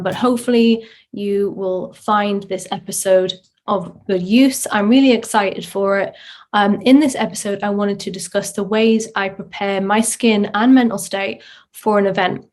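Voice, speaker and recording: Woman host on a low-quality mic. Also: darkish tone. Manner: chatty, with many filler ums and restarts. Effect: low-quality microphone audio. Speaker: podcast host. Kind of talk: casual solo podcast talk.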